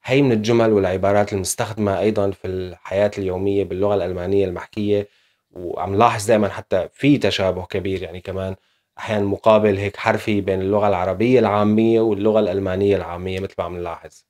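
Rapid-fire low-voiced teacher. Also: male voice, steady tone, darkish tone. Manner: explains step by step with frequent fillers. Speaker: German language teacher. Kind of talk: casual video lesson.

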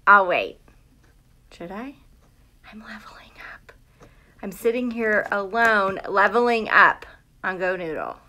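A middle-aged American elementary teacher hosts a live read-aloud from a small room at home, her mid-range voice a little slow and full of pauses. She chats animatedly with the kids, greeting viewers by name and asking questions, captured on a phone or tablet held at arm's length.

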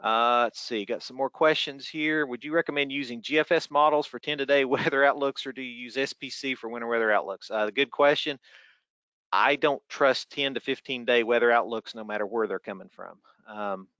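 A man's voice: mid-range voice, steady tone, moderate pace, sharp tone, clean tone, no echo, highs cut off. A man with a Tennessee accent answering questions informally as a trainer in an online session, conversational and folksy. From Tennessee, United States. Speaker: weather spotter trainer.

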